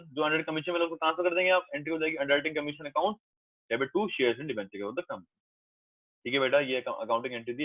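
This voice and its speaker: A man with a slightly high voice teaches commerce, gently coaxing his class, calling them "beta," and reassuring them with plenty of repetition. The recording has a dry, tinny, phone-like quality and no room sound.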